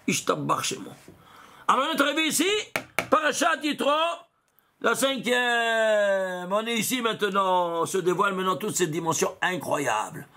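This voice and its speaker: A rabbi with a very high voice for a man teaches a class on letters and numbers. He keeps asking "alors?" and "vous voyez?", then answers himself. His pace and pitch swing often, from slow, stressed words to quick bursts. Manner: animated, asks rhetorical questions and answers them himself; pitch and pace jump around a lot, now slow and stressed, now rushed. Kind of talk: Kabbalah lesson explaining diagrams and letter numbers.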